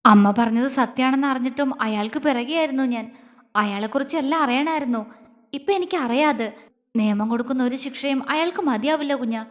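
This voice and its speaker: A woman voicing a tender, protective young man who speaks gently and slowly, in a reverberant recording. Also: lightly acted. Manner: gentle, low and slow. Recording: long reverb.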